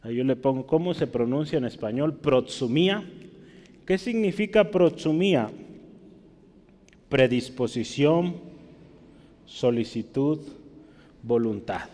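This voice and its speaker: A man's voice: medium pitch, animated, a little slow, long pauses, mellow, in a large hall. A man preaching a teaching sermon in a church, explaining in a conversational way and often checking with his listeners.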